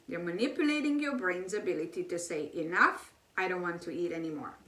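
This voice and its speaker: Running her own health education channel, a woman explains the science of diet in a talkative lecture peppered with fillers and rhetorical questions. Her medium-pitched voice is bright and forceful, echoing in the room as she stands distant from the microphone.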